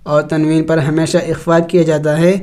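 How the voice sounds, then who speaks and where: A man teaching tajweed, spelling out Arabic letters slowly and reciting, then explaining the rules. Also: on the high side, level tone, a little mellow, smooth. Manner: slow drawn-out recitation between plain explanations.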